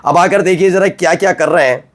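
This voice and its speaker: Emphatic male news anchor, slightly high. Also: brisk. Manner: emphatic, rhetorical questions to viewers. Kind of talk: conversational news presenting.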